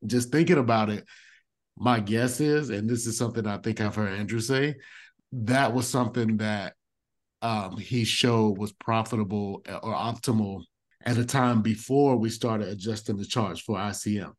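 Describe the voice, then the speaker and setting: Lower voiced guy on a podcast, methodical, walks through details. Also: moderate pace. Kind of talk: casual strategy discussion.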